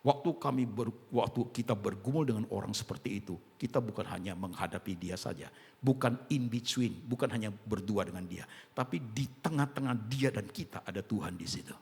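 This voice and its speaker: A man's voice: lowish voice, fairly quick, gravelly, a little mellow. A male pastor preaching emphatically, often dropping English phrases into his sermon, in a church auditorium. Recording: reverberant church hall.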